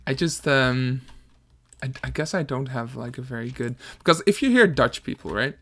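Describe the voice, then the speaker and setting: This music producer streamer, a young man from Denmark, speaks with a Danish accent in an expressive, mid-range, slightly bright voice at normal speed. Making music at home on a desk mic, he chats in a laid-back way, laughs frequently, and restarts sentences hesitantly.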